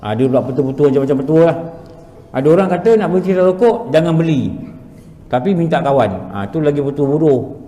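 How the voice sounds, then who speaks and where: High-voiced Malaysian preacher in an echoey hall. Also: male voice, quick pace. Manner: lively, rhetorical questions answered himself. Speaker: religious teacher. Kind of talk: evening mosque lecture. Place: prayer hall.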